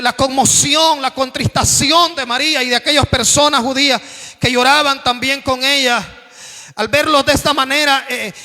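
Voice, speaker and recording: High, bright-voiced fervent male preacher. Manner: fervent preaching, often addressing listeners as brother. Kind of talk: sermon. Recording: long reverb of a hall.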